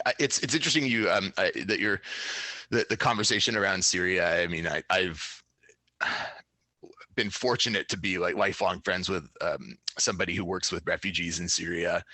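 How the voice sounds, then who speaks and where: Startup founder guest, man in his thirties, lowish bright voice, rambling casual delivery, dry close sound. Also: normal speed, dry recording. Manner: thoughtful, loose, many fillers and restarts. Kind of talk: casual interview talk.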